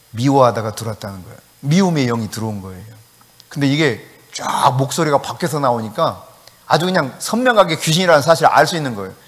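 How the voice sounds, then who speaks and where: A male pastor preaching a sermon, telling a story with acted-out dialogue and sudden shouted commands. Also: mid-range voice, in a large hall. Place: church sanctuary.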